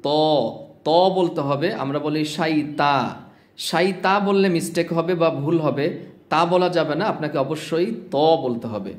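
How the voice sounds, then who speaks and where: Guy teaching quran pronunciation, repeats sounds over and over, chants words slow, bit of room echo. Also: on the high side. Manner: explains slowly, repeats sounds, drawls out recited words. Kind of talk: spoken pronunciation lesson with chanted examples.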